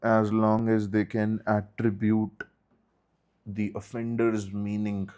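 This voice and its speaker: A man's voice: lowish voice, completely flat delivery, slow pace, warm tone. A man reading a textbook aloud in a study session, stopping now and then for short asides. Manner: reads steadily, breaks off for short asides. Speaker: study group leader.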